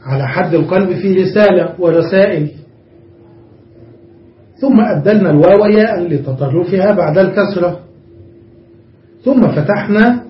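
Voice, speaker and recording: High-voiced male grammar teacher, distant and roomy. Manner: explains step by step, often checks understanding with the class. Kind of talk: classroom grammar lesson. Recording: roomy, muffled recording from a distance.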